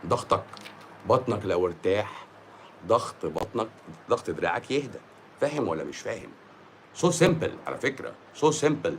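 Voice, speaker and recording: A man's voice: lowish voice, big pitch swings, moderate pace, a little hiss or hum. A man with an Egyptian accent, a doctor giving a blunt, scolding monologue on a live stream and mixing English words into his speech.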